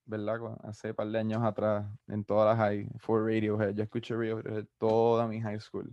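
A young man of twenty with a Puerto Rican Spanish accent, a musician answering interview questions in a relaxed, rambling way with many fillers. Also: on the low side, moderate pace, dry recording, dull audio. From Puerto Rico. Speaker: musician guest. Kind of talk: casual interview, mixing Spanish and English.

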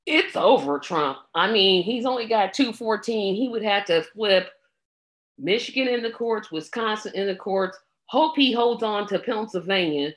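A woman's voice: fairly low pitch, fairly bright tone. A woman with a scratchy throat giving blunt, exasperated commentary on election results, with plenty of ums. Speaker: political commentator. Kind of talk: casual election-night commentary.

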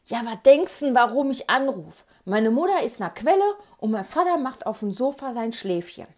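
A woman's voice: on the high side, normal speed, voice pushed up. A woman voicing an eager, bossy young girl on the phone in a memoir story. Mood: excited. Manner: excited, bossy.

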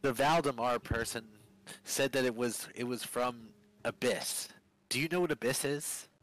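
A man voices a young vampire prisoner, once a sailor, who answers in halting, trailing phrases. His voice sits at an ordinary middle pitch. It stays close to his own plain voice. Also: a bit bright, dry recording, lightly acted, low-quality recording. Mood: wary. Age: young adult. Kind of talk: tabletop role-play in character.

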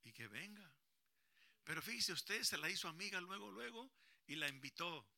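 A male pastor preaches with a swooping, lively pitch and a gravelly edge in his voice. He keeps the congregation and children involved, having them repeat lines back to him. The sound is close and dry, with no room echo. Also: moderate pace. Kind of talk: lively bilingual sermon to a congregation. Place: church service.

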